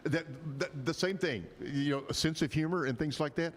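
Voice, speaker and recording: A man's voice: on the high side, moderate pace, in a large hall, slight background noise. A man with a Texan accent hosting a live interview show, folksy and teasing his guest with jokes. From Texas. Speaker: fill-in radio host.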